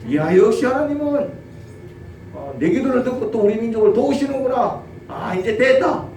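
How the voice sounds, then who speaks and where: A man's voice: very high-pitched, expressive, normal speed, darkish tone, a little hiss or hum. A man voicing Moses as an elderly leader praying desperately to God, in pleading cries, recorded in a roomy space from a distance. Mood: relieved. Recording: roomy church audio from a distance.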